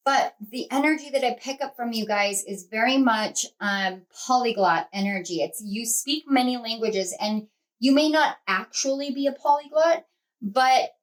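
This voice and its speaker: A woman with a slightly high voice hosts a pick-a-card tarot reading on her channel, and the audio quality is poor. She talks earnestly to her viewers as a group, rambling conversationally with lots of fillers and restarts.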